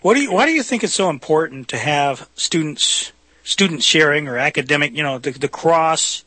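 Male talk show host, somewhat high pitch, bright edge, casual folksy chat. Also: lively intonation, moderate pace, no echo.

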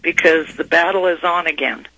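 Woman, guest commentator, bright forceful tone, hesitant explanatory delivery, dry sound. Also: low-pitched, fairly even intonation, moderate pace, dry recording, low-quality recording. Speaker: talk show guest commentator. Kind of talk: conversational political commentary.

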